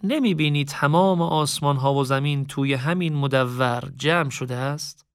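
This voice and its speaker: A man voicing a solemn, wise male religious teacher who speaks slow and measured. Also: a little high, smooth, no echo, clean studio sound, natural voice.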